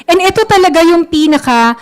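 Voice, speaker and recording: A Filipino woman giving a lively motivational seminar talk, mixing in English and constantly asking the audience to agree. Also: very high voice, a little fast. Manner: lively, quizzes the audience with frequent tag questions; mixes English phrases into her talk. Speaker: network marketing trainer.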